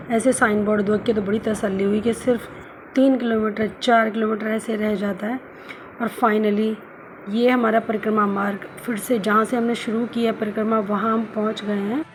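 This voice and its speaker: A woman's voice: on the high side, level tone, moderate pace. Woman narrating a pilgrimage vlog over noise. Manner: devout, guiding viewers like a tour. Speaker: travel vlogger.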